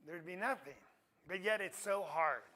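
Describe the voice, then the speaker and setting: A man's voice: high-pitched, normal speed, pushed and bright. A man teaching a Bible class in a conversational way, often asking his listeners questions. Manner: conversational, asks the audience questions. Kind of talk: interactive Bible class sermon.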